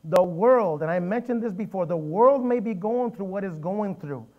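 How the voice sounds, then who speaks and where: Man, preacher, high voice, emphatic repeated phrases, slightly muffled sound. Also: normal speed. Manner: animated storytelling, emphatic repetition. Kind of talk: sermon. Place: church sanctuary.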